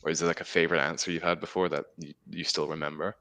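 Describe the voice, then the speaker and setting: A man's voice: a bass voice, level tone, racing, pushed and bright. A young man from Singapore, a guest in a casual chat, thoughtful and a bit hesitant, often repeating words.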